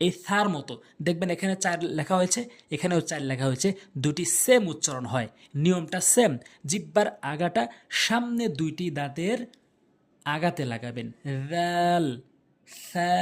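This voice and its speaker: Patient teacher drilling letter sounds. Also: mid-range voice. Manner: patient, repeats each letter sound several times to demonstrate; explains step by step in simple terms. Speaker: Quran recitation teacher. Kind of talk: pronunciation lesson.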